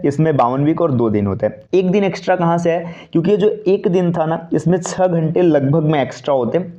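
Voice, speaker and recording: A man's voice: on the high side, mellow, highs cut off. A man teaching a step-by-step classroom lecture for exam preparation, explaining each point and keeping checking in with students. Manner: explains step by step, keeps asking "है ना?" and "ठीक?".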